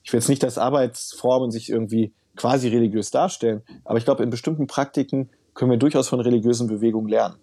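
Male researcher, measured and explanatory, warm husky tone, dry studio sound. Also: medium pitch, steady tone, no room sound. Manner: thoughtful, explanatory, uses fillers. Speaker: work researcher, author. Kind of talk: interview answers.

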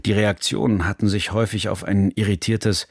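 A man reading a scripted radio documentary narration in a measured, serious manner, recorded in a studio. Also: on the low side, fairly even intonation, creaky, no room sound.

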